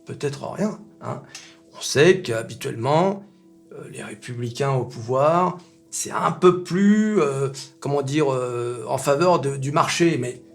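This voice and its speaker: Man, finance host, chatty market commentary, gravelly voice, faint guitar music behind. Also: medium pitch, a little slow. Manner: animated, chatty, many fillers and rhetorical questions. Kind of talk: casual market commentary over charts.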